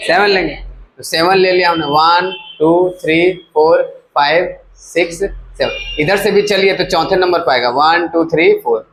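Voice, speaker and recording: A man's voice: fairly high pitch, a little slow, fairly bright tone, slight background noise, rough recording. A male chemistry teacher giving a casual classroom lecture who keeps asking his students to repeat each term back to him. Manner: casual, coaxing teacher talk.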